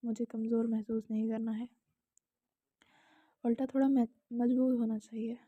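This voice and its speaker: A woman voicing a thoughtful young woman in a storybook tale, speaking low and inward as she steadies herself. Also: level tone, normal speed, dry recording, narrow, tinny audio, lightly acted. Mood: quiet resolve.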